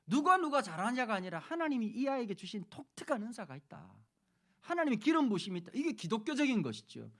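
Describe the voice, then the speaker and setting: A man's voice: very high voice, quick pace. A middle-aged male pastor from Busan giving a humorous sermon lecture, joking and putting questions to the audience. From Busan, South Korea. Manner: lively, jokey, addresses audience with questions.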